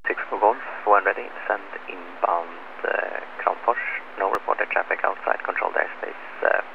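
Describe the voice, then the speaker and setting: A man's voice: low-pitched, moderate pace, creaky. A man working as an air traffic controller, calling headings and flight levels in clipped, procedural radio phraseology. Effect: aviation radio. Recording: narrowband, noisy aviation radio transmission.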